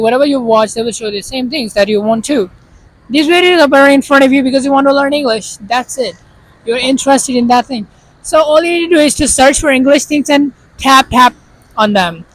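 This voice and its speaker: Speaking directly to his audience, this man from Pakistan, an Urdu native speaker with a Pakistani accent, gives earnest, casual advice as a vlogger. His voice is very high-pitched. The recording sounds rough.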